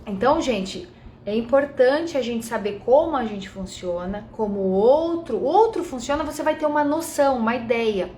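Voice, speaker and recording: A woman's voice: a little high, lively intonation, moderate pace, dark tone, reverberant, a little hiss or hum. A woman from Brazil teaching a mentoring group live, chatty, addressing viewers directly and reading their comments aloud.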